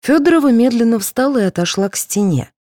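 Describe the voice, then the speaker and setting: A woman narrating an audiobook in an expressive storytelling manner. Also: on the high side, fast, no room sound, studio quality. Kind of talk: scripted narration.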